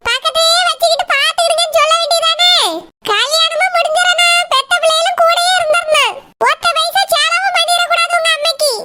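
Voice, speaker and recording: Brief: cartoon mother-in-law, Kanyakumari Tamil accent, bossy and sarcastic, squeaky high voice, loud noisy background with clicks. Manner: scolding, sarcastic, grumbling. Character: nagging older village mother-in-law, bossy and complaining.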